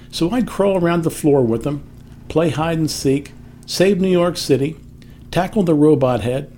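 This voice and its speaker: A man's voice: a little high, a little hiss or hum. An older man, a grandfather, telling a family story and then giving an emphatic devotional message. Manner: emphatic storytelling, softening for quotes. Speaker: devotional speaker.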